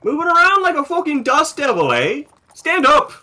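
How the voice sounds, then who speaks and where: A man's voice: extremely high pitch, huge pitch swings, moderate pace, pushed and bright, voice pushed up, exaggerated voice. A man voicing a hostile male air marshal who barks clipped orders in a tabletop game. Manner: barking orders, clipped street-tough speech.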